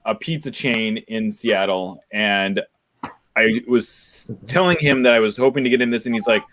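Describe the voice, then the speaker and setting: A man's voice: lowish voice, moderate pace, a bit bright. A man hosting a casual chat, talking while he eats. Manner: chatty, talks with his mouth full. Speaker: podcast host.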